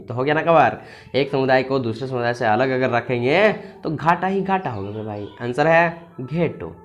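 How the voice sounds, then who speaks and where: A young man with a fairly high voice tutors students for a history exam. He talks playfully and calls his listeners his brothers. He acts out silly little stories to make the answers stick. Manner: playful, keeps saying "my brother". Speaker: teacher. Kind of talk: exam-prep history lesson with memory tricks.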